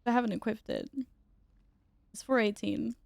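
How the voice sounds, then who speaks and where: A woman's voice: on the high side, huge pitch swings, moderate pace, gravelly, a little mellow, dry recording. A woman live-streaming a game, chatting casually and informally with viewers and teammates, given to exclamations.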